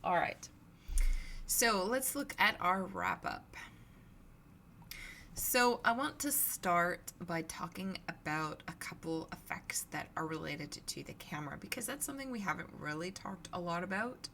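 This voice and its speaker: Woman instructor, lower voice with a hoarse, gravelly rasp, talking students through a recorded lecture in an easy, conversational way. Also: unhurried, slight background noise. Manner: relaxed, conversational explaining. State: scratchy, hoarse voice. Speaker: university instructor.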